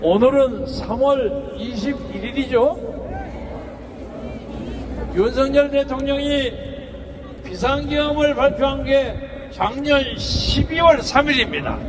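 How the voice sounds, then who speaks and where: A man's voice: very high-pitched, slow, pauses often. A man giving an impassioned, raised-voice political speech at an outdoor rally. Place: outdoor city street rally. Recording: noisy outdoor rally, crowd and traffic.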